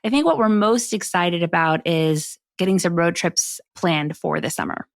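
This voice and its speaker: A woman's voice: on the low side, dry recording. A woman co-hosting a podcast, upbeat and friendly, moving between a scripted intro and casual chat. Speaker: podcast co-host.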